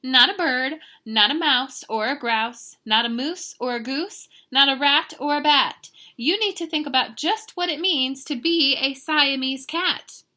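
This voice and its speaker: Woman as a shrill scolding mother cat. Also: measured pace, hardly any pauses, bright, forceful tone. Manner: stern, emphatic lecturing. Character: scolding, exasperated mother cat, bossy and fussy.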